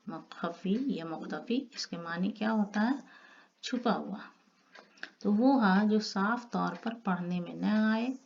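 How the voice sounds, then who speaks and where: A woman with a medium-pitched, darkish voice and some vocal fry teaches an Urdu grammar lesson. She explains each step and draws out the example words. The audio is dull and lo-fi, with faint noise.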